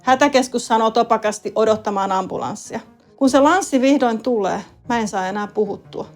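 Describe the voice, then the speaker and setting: A woman with a Finnish accent, a lead wilderness guide telling a first-person story in a calm, matter-of-fact way. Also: on the high side. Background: soft background music.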